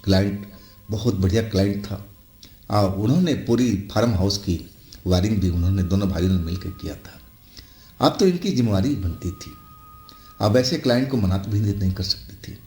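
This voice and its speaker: A man with a low voice tells a horror story in a loose, conversational way and drops in fillers as he goes. The room gives his voice a clear echo, and faint music plays underneath. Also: darkish tone. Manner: unhurried, conversational retelling with fillers. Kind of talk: storytelling narration with acted quotes.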